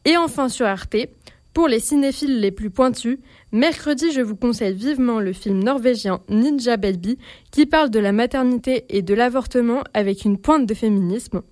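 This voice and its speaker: A woman's voice: on the high side, moderate pace, a little mellow, no room sound. A woman presenting the week's streaming releases as a columnist, reading steadily from a script.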